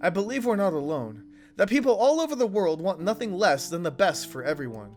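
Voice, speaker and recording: A man's voice: high voice, sing-song, brisk, faint music behind. A man reading an earnest storybook guide. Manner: sincere, reflective. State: hoarse. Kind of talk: reading game dialogue aloud.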